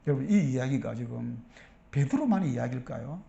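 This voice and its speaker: A man's voice: medium pitch, lively intonation, brisk, creaky, warm tone, roomy sound, muffled recording. A middle-aged man, a pastor preaching a sermon who acts out quoted church members.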